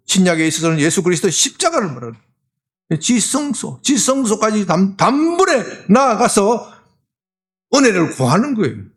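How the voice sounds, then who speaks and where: A male pastor delivers a sermon in an animated way, throwing rhetorical questions at his listeners. His voice is fairly high and swoops through a wide pitch range. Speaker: senior pastor.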